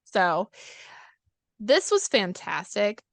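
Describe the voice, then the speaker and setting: A woman hosting a podcast, talking in a heartfelt, expressive way about personal growth. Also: mid-range voice, very slow, vocal fry, dry recording. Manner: heartfelt, expressive, animated in retold quotes. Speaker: podcast host. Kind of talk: casual podcast chat.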